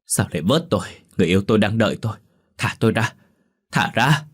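A man's voice: sits low, a little fast, breathy edge. A man voicing a possessed young village girl, wailing to be let go, in a ghost story. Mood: frantic.

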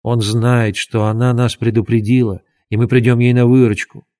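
Man doing an urgent, hushed boy. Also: medium pitch, flat delivery, normal speed, lightly acted. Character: earnest brave imaginative boy, Douglas.

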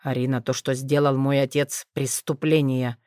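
A woman voicing a brooding, remorseful male dragon in an audiobook, speaking low and measured. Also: no room sound, studio quality, lightly acted. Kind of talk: audiobook character reading.

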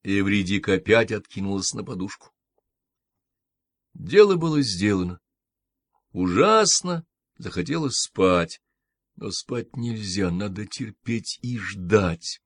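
A man reading an audiobook in an expressive narrating voice. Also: on the low side, slow, long pauses, no room sound. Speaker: audiobook reader. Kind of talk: scripted narration.

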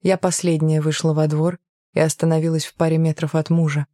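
A woman narrating a novel in the first person, telling it calmly and evenly. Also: deep voice, brisk, no room sound, studio quality. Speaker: audiobook narrator.

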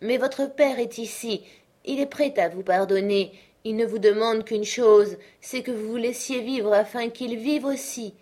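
A woman's voice: on the high side, a little slow, dark tone, pitched above the performer's own voice. Earnest country doctor, read by a woman, urgent and coaxing, raised voice.

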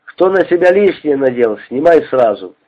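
A man doing a hoarse bossy convoy chief. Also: on the high side, lively intonation, moderate pace. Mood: commanding. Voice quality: hoarse tenor. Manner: barking orders. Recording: dull lo-fi recording.

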